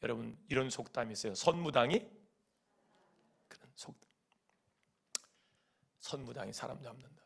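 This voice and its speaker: Gravelly, animated male pastor. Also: medium pitch, moderate pace, pauses often. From Chungcheong, Korea. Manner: animated storytelling, mimics voices and hums folk song lines. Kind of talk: sermon. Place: church sanctuary.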